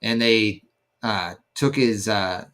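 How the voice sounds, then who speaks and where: A man with a fairly low voice talks in casual podcast chat. He rambles and uses many fillers, often pausing to hunt for the right word. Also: a bit bright. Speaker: podcast co-host.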